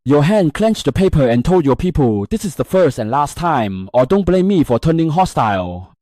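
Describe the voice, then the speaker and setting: A man narrating voicing a calm, blunt young male hero with a cool, curt manner. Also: on the high side, normal speed, dry recording.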